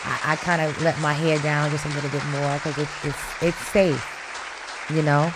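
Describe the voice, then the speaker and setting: A woman's voice: sits low, level tone, moderate pace, a loud crowd, very noisy. A woman hosting a faith-based talk show, encouraging listeners in a casual, preacherly way. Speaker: host.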